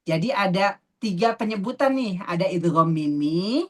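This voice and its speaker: A woman teaching a tajwid class, patiently asking students questions and repeating terms slowly. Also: medium pitch, expressive. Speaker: Quran recitation teacher.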